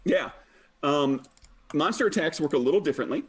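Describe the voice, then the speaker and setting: A man as game master, explaining rules in a relaxed way with many ums and uhs. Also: a little high, fairly quick, slightly rough.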